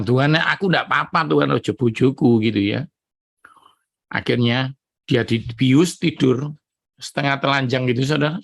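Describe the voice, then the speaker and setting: Man, middle-aged, gravelly, emotional preacher, dry sound. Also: medium pitch, no echo. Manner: emotional, addresses congregation as saudara. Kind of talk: sermon testimony.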